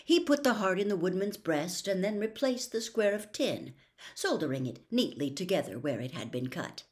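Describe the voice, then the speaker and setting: An older woman reading a classic novel aloud at home, expressive and animated. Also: medium pitch, normal speed. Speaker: storyteller. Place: home room with bookshelves. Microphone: webcam close up.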